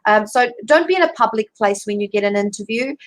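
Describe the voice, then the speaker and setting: A woman with a South African accent coaches job seekers over a video call, her voice a touch higher than most. She talks in a chatty way and often restarts her sentences with fillers. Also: lively intonation, brisk, rough recording. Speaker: career coach guest. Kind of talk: live online interview.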